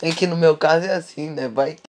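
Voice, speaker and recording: A man's voice: a little high, fairly quick, a little mellow, slight background noise. A young man co-hosting a casual podcast, mostly chiming in with short remarks to keep the talk going. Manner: short interjections, nudging the talk along. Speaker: podcast co-host.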